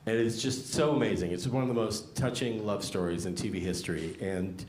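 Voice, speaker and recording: A man's voice: on the low side, fairly quick, a little mellow. A man doing conversational, wry observational stand-up comedy in a club, with audience laughter. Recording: echoey club room, clear background noise. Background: crowd laughter.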